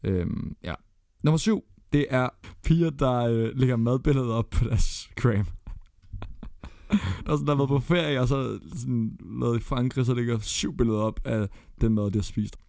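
A man's voice: medium pitch, vocal fry, darkish tone, no echo, studio quality. A Danish man co-hosting a podcast in casual chat, blunt and swearing freely as he counts down a ranked list. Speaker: podcast co-host.

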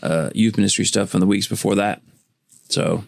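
A man's voice: lowish voice, steady tone, normal speed, creaky, dry recording, clean studio sound. A man who works as a youth minister, co-hosting a podcast in an easygoing casual chat. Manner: easygoing, brief remarks.

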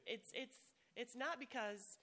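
A woman's voice: on the high side, unhurried, pushed and bright. A middle-aged woman giving an informal, encouraging testimony at church.

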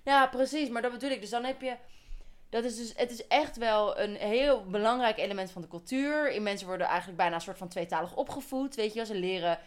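A woman's voice: on the high side, a little fast. A young woman from Holland co-hosting a podcast, talking casually and explaining her thoughts at length with small tangents. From Holland, Netherlands. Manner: explanatory, thinks aloud, goes on tangents. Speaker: podcast co-host. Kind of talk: casual chat.

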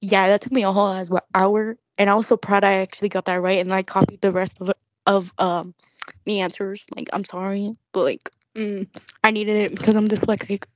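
A woman's voice: mid-range voice, flat delivery, fairly quick, no echo. Young woman, ironic zoomer slang, casual chat, dry slightly muffled recording. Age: young adult. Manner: ironic Gen Z slang delivery. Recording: slightly dull lo-fi close recording.

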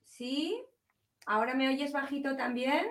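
A woman's voice: high-pitched, measured pace, a bit bright. A woman, a guest on a call, whose voice sounds faint and far away, as if the mic is held away from her. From Hondarribia, Basque Country. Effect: faint, distant voice, as if the mic is held far away. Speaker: guest, spiritual teacher. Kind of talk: casual interview over a call.

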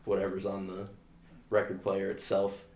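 A young man in casual podcast chat, talking quickly and casually in a studio. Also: sits low, completely flat delivery, darkish tone. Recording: roomy studio sound.

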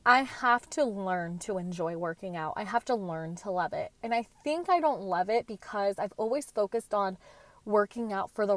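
A woman in her late twenties hosts a solo podcast, talking earnestly and chattily with slangy asides. Her voice is medium-pitched and a bit bright, with no echo.

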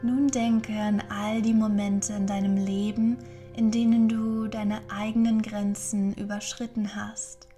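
A woman guides a meditation in a soft near-whisper. Her voice is dark and mellow, slow and even, with gentle, soothing instructions. Faint music plays underneath. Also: medium pitch. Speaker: podcast host and guided meditation leader.

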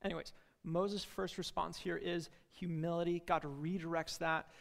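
A man's voice: a little high, little pitch movement, moderate pace, vocal fry, long reverb tail. A man preaching a sermon, reading scripture aloud and then explaining it in a casual, conversational way with many fillers and asides. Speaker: pastor.

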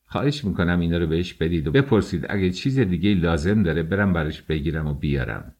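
Nosy fawning coachman, low hushed voice, a male narrator putting him on. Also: expressive. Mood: pleading. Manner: hushed, conspiratorial, pleading.

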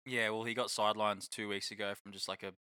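Male co-host, Aussie accent, lowish and bright, casual matey sports talk. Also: little pitch movement, fast talker, clean tone, no echo, clean studio sound. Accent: Australian. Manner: blokey, slangy, matey.

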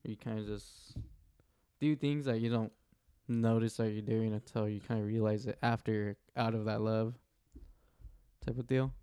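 A man's voice: on the low side, fairly even intonation, normal speed, mellow, smooth, dry recording, studio quality. A man in casual podcast chat as a co-host, giving his opinions informally with some swearing.

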